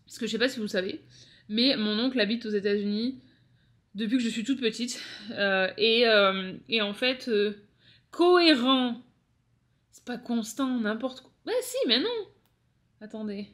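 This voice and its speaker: A young woman from France talks casually to her viewers from her apartment at night. Her voice sits a little high, and she drifts from point to point with many fillers and restarts. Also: a bit bright. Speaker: vlogger. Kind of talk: casual chat to camera.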